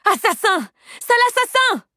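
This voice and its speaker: A woman's voice: very high-pitched, big pitch swings, normal speed, bright, forceful tone, no room sound, studio quality, voice pushed up, heavily acted. A woman voicing an unseen woman who screams accusations full of hatred, in an audiobook. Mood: furious. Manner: shrieking, vibrant with hate.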